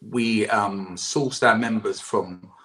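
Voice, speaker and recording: Low-voiced earnest man on a video call. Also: takes it slowly, a bit bright, poor audio. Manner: earnest, with restarts and repeated et cetera. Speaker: guest, campaign chair. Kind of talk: political interview.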